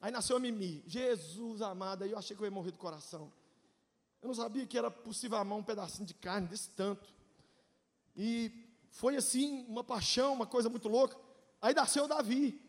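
Brazilian pastor in his 40s, really high voice, emotional testimony, yells then goes quiet. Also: a little fast, big-room sound. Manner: emotional storytelling, swings from shouting to hushed, joking. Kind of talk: testimony sermon.

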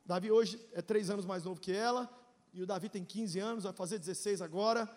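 A very high-pitched Brazilian man in his forties preaches a personal testimony, his voice ringing with a long hall reverb. He moves between loud, shouted peaks and soft, confiding asides, slipping in jokes along the way. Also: a little fast. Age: 40s. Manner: emotional storytelling, swings from shouting to hushed, joking. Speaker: pastor. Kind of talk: testimony sermon.

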